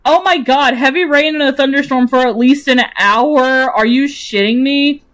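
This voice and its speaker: A young woman streamer chatting casually about her characters, animated, swearing freely and laughing often. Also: high voice, normal speed.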